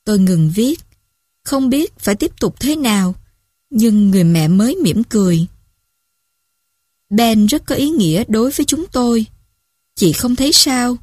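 A woman narrating stories in a calm, measured reading voice. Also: on the high side, no echo, studio quality. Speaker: story reader. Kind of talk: storytelling narration.

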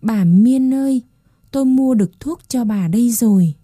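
A woman's voice: fairly high pitch, normal speed, mellow, dry recording, studio quality, lightly acted. A woman reading a story aloud and voicing a caring, weary old village man. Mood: eager, caring. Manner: eager, then sighing.

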